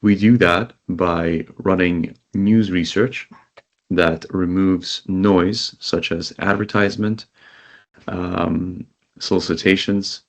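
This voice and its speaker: A man with a very low voice speaks as an interview guest over a video call. He grew up in Israel and answers in a measured way, ticking off items one after another. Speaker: company CEO guest.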